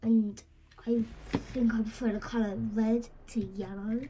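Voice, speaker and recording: A high, voice in a casual, unscripted toy review, rambling and halting with self-corrections. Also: little pitch movement, warm tone, a little hiss or hum, poor audio. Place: indoors, small tabletop green-screen setup. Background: music, occasional scratching from headphones.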